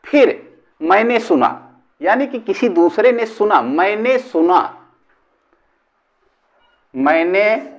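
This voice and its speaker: A man's voice: high-pitched, lively intonation, muffled recording. A man teaching a Hindi grammar lesson, repeating and drawing out each example phrase word by word. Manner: slow, repetitive, drawing out example sentences word by word. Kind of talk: classroom-style lesson explaining a figure of speech.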